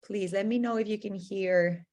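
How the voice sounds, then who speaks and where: A woman hosting a virtual event over a video call, her voice of average pitch. She speaks haltingly, filling gaps with ums as she introduces her guest. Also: steady tone, a little mellow. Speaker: program host.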